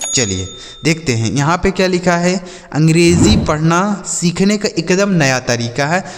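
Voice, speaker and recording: A man's voice: fairly high pitch, in a large hall. A male English teacher gives a YouTube classroom lesson. He spells words out letter by letter and answers his own questions.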